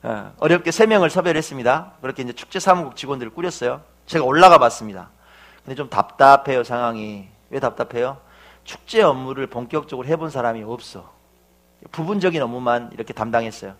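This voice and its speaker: A man's voice: mid-range voice, quick pace, fairly bright tone. A middle-aged male pastor preaching a sermon, telling a story and asking his congregation rhetorical questions.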